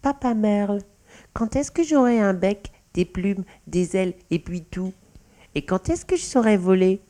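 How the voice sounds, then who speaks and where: A man voicing a tiny, hot-tempered young mouse girl in a storybook, with high, shrill cries. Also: animated, measured pace, dark tone. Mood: pleading.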